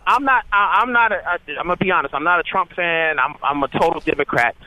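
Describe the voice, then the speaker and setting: An American man in his fifties calling a radio show, arguing casually in a halting way and repeating his words. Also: a little high, highs cut off. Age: 50s. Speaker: radio phone-in caller. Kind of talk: casual argumentative call-in talk. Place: phone call to a radio show.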